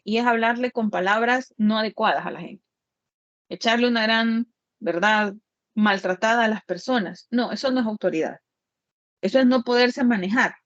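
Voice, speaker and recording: A woman's voice: a little high, no echo, lo-fi sound. A woman architect lecturing her students in a plain-spoken way, repeating each point with everyday examples.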